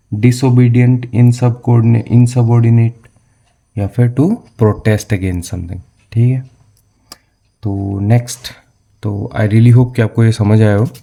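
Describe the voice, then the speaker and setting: Young man tutoring vocab, very dark tone. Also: mid-range voice. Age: young adult. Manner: asks questions, then answers them; frequent "theek hai na"; mixes English words into his speech. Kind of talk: explaining vocabulary for exam prep.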